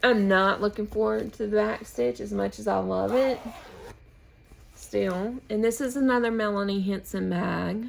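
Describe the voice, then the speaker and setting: A woman from the United States talks casually through her projects at home, in slow, unhurried speech. Her voice has a gravelly fry, and she meanders with pauses and restarts as she goes. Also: mid-range voice, fairly even intonation, a little hiss or hum. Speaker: flosstube host. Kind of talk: casual show-and-tell chat.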